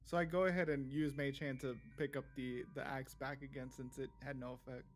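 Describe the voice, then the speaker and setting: A man playing a tabletop game, describing his moves in casual, halting speech with repeated words. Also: medium pitch, level tone, a little hiss or hum.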